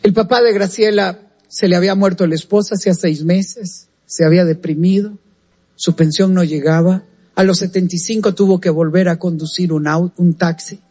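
High husky man telling a faith story. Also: moderate pace. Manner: earnest, animated retelling with direct asides to the listener. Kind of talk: storytelling testimony on a radio program.

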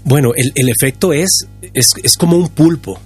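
A husky-voiced man speaks earnestly and at a halting pace, restarting his phrases often. His voice sits at an ordinary pitch, and soft music plays faintly under it. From Costa Rica. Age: 50s. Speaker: pastor and guest. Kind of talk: candid testimony on a podcast.

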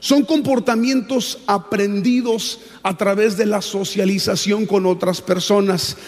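In a large, echoing hall, a middle-aged pastor with a Mexican accent delivers a sermon, pressing his points with repetition and rhetorical questions. His voice is high-pitched and a little mellow.

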